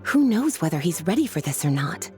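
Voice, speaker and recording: Mellow, teasing mage Lisa. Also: female voice, deep voice, big pitch swings, fairly quick, soft background music. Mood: gently teasing. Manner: languid, coaxing, teasing endearments. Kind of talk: video game voice acting.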